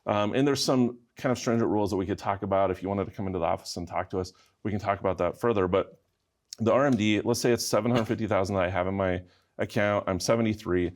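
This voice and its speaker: A man co-hosting a financial advice show, calmly walking through figures one step at a time. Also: on the low side. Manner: measured, walks through numbers step by step. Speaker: financial advisor co-host. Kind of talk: explanatory radio talk.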